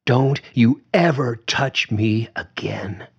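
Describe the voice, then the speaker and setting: A man's voice: fairly low pitch, unhurried, lo-fi sound, pitched above the performer's own voice. A man voicing an angry young woman who talks in a firm, clipped, seething way.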